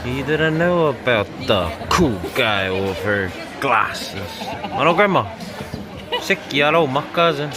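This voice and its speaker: A man's voice: mid-range voice, big pitch swings, slow pace, over music. A man chatting casually to a camera in playful, slangy banter. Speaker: vlogger. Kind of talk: casual chat, vlog. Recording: loud crowd chatter behind voice. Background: busy crowd.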